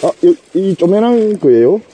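Gyeongsang-accented man, husky and mellow, lively pitch, stammers and jokes while he chats outdoors. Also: a little slow. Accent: Gyeongsang Korean. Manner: joking, stammering, rambling. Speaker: vlogger and live streamer. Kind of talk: casual outdoor chat to viewers. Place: outdoors in a rural garden.

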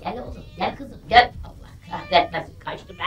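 A woman playing a grumpy, sharp-tongued grandmother in her seventies, cranky and scolding in a comedy sketch. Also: medium pitch, normal speed, distant mic, close to an everyday voice. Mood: coaxing. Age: 70s.

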